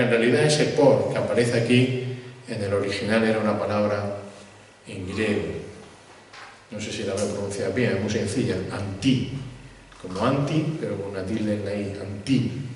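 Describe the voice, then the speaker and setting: A man preaching an expository sermon, measured and slowing to stress key words. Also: on the low side, darkish tone. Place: church hall. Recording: echoey hall from far off, faint noise.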